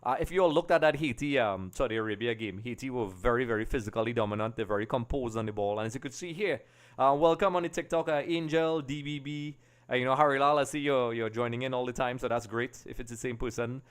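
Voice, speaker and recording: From his small home streaming room, a middle-aged man from Trinidad and Tobago hosts a football watch-along, rambling casually to viewers. His medium-pitched voice is clean and quick, picked up by a desk microphone on a boom arm.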